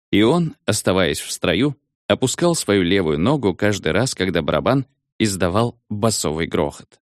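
A man's voice: lowish voice, no echo, studio quality. A man narrating a novel as an audiobook, telling it expressively. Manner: expressive, animated storytelling.

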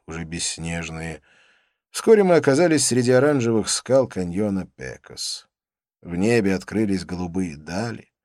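A man's voice: lowish voice, a little mellow, no echo, studio quality. A man narrating a first-person novel as an audiobook, reading expressively.

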